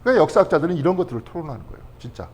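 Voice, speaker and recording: A man's voice: fairly high pitch, very animated, very fast, a little mellow. A male pastor teaching a Bible study class in a conversational way. He keeps asking the class questions and then answers them himself. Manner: conversational, checking in with frequent tag questions.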